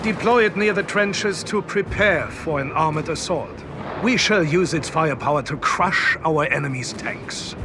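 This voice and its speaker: Voicing a confident, calculating German desert general, an actor delivers scripted mission briefings and cutscene lines in a formal, authoritative style of clipped commands. The voice is male, fairly high and a little slow, lightly acted with a brisk, satisfied mood, against a noisy background.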